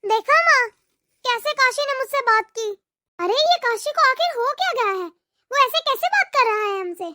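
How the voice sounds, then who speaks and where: Whiny young sister-in-law. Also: female voice, extremely high pitch, expressive, normal speed, noisy background. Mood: complaining. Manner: whiny, tattling. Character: spoiled young sister-in-law, catty and complaining.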